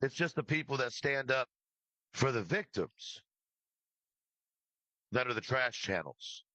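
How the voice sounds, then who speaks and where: Slow-paced yet animated, a man of medium pitch with a pushed, bright voice scolds an absent person in an impassioned rant full of free swearing and emphatic repetition. He creates true crime livestreams. The recording is low-quality with no room sound.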